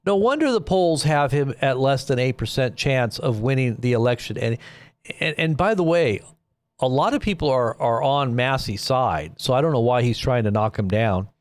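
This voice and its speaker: A man's voice: mid-range voice, animated, normal speed, no room sound. A man hosting a live news commentary stream, talking casually and rambling with fillers, often sounding incredulous. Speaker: host.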